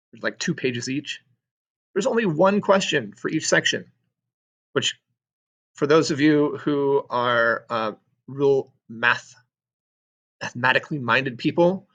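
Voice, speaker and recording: A man's voice: fairly high pitch, a bit bright. A middle-aged man teaching sixth-grade social studies, talking through a screen-recorded class walkthrough in a chatty way with joking asides, ums and self-corrections.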